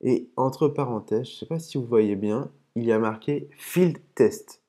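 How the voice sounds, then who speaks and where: Mellow-voiced man explaining his case openings. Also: mid-range voice, a little slow. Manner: explains terms patiently, curses softly at his own slips and apologizes; hesitant, with frequent "euh" and restarts. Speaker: gaming video host. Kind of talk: casual commentary while opening game cases.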